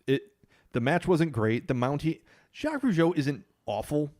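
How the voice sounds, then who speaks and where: A man's voice: fairly high pitch, very animated, normal speed, darkish tone. Dry, opinionated male podcast co-host. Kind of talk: casual chat.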